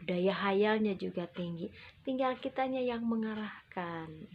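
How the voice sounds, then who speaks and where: A woman gives instructional talk to parents as an early childhood educator, over-enunciating with deliberate, emphatic phrasing and short pauses. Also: medium pitch. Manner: acts out parent and child quotes. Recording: muffled, dull lo-fi audio.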